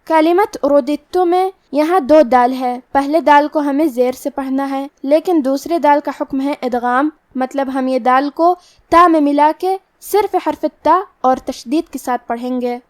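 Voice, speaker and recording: A woman teaching Quran recitation rules, explaining each word calmly and methodically, then reciting it slowly and drawn out. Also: high-pitched.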